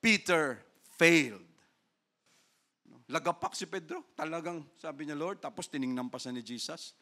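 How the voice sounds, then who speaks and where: A Filipino man preaching as a pastor, animated, asking "no?" after almost every phrase and swinging from soft and low to loud and high. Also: moderate pace. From Philippines. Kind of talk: sermon.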